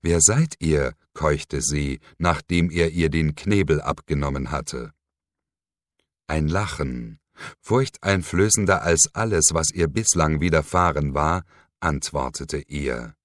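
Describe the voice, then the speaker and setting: A man narrating a dark novel as an audiobook, measured and dramatic. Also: rumbling low, no room sound, clean studio sound.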